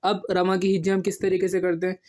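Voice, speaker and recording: A man teaching a reading lesson step by step. He patiently asks and answers his own questions and draws out each syllable slowly as he spells. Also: high voice, completely flat delivery, darkish tone.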